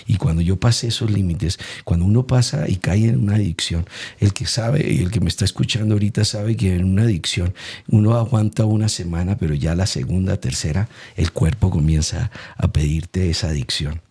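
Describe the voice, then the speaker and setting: A young Colombian man giving an emotional faith testimony as an interview guest, storytelling with lively acted-out quotes. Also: low voice, fairly quick, husky. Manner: animated storyteller acting out quoted voices.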